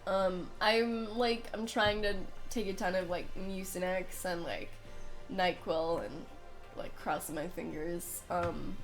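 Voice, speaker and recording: A woman's voice: on the low side, steady tone, takes it slowly, faint music behind, rough recording. A young woman livestreaming a game, reading it aloud and chatting casually, with a congested, nasal voice as if pinching her nose from a cold. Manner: informal, rambling, self-deprecating.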